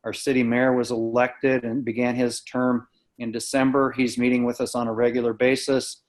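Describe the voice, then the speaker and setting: Over an online conference call, an American man who serves on a community task force gives an informal, matter-of-fact report. His mid-range voice is delivered flatly at normal speed, picked up through a video call microphone.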